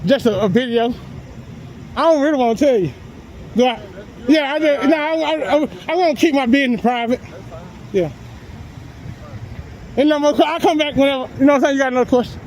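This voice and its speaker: High-voiced mocking man filming on a sidewalk. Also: fairly quick, pauses often, a little mellow, slight background noise, poor audio. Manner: mocking, taunting, laughs often. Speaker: citizen filming police. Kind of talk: confrontational street talk. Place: outdoor public sidewalk by a street. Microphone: handheld camera he is filming with.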